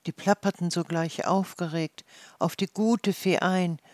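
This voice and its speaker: A calm storyteller reading a fairy tale aloud at an unhurried, deliberate pace. The telling is measured and even, recorded close and dry with no room sound. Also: mid-range voice, no echo. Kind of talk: slow read-aloud fairy tale narration.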